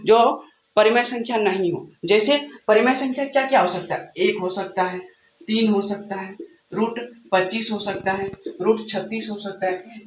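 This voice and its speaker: A man teaching a maths lesson as a tutor, asking questions and answering them himself, with frequent check-ins. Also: sits high. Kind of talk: classroom-style lesson explanation. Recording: echoey room with faint background noise.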